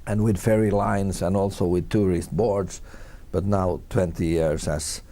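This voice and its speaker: A middle-aged tourism consultant from Finland, whose first language is Swedish, answers interview questions in English as a guest. He speaks haltingly, often repeating words and restarting. His voice is low, steady, and warm.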